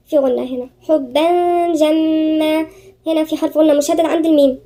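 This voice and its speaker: Very high-voiced Egyptian woman teaching tajweed. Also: dark tone. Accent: Egyptian Arabic. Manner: slow chanted recitation between quick step-by-step explanations. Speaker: Quran recitation teacher. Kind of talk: tajweed lesson.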